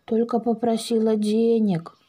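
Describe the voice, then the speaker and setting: Woman doing a slow, solemn little dragon. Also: fairly high pitch, little pitch movement, dark tone, breathy edge. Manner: slow, solemn, deliberate speech. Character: small earnest green young dragon, male.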